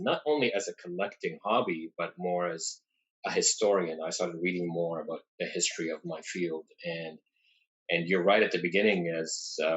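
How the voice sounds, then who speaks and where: Deep-voiced young man from Lebanon. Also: fairly bright tone, rough recording. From Lebanon, raised in the Middle East. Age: young adult. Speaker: dentist and book collector, guest. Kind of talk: casual video call interview. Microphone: video call.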